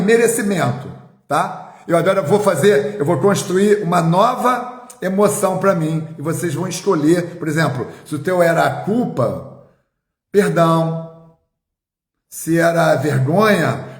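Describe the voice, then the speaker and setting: A male therapist leading a guided tapping exercise on a live stream, giving calm step-by-step instructions and slowly repeating affirmations. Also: fairly high pitch, reverberant.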